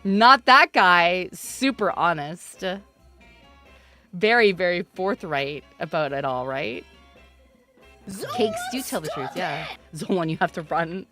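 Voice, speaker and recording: A woman in her thirties hosting a live stream in casual chat. She teases her viewers, laughs often, and breaks into loud mock protests. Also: on the low side, very animated, slow pace, long pauses, faint music behind. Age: 30s. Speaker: streamer host.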